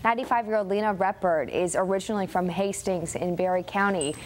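A woman's voice: mid-range voice, quick pace, slight background noise. A woman news anchor in her thirties with an American accent, reading scripted news. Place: TV studio.

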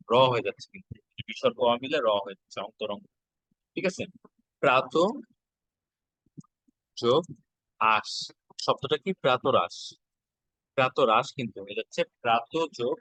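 A man's voice: mid-range voice, fairly bright tone, no echo, rough recording. A male teacher, giving an exam-prep lesson and patiently repeating each step.

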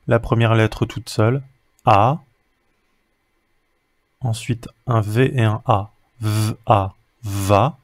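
A man's voice: fairly low pitch, no echo, studio quality. A man giving a patient reading lesson for young children, sounding out letters and syllables one at a time.

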